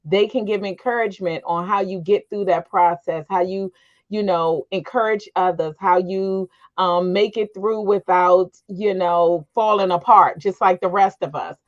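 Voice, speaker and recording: Hosting a casual panel, this middle-aged woman from the Washington DC area talks at a medium pitch and a slightly slow pace. Her sound comes through a muffled, low-fidelity call line.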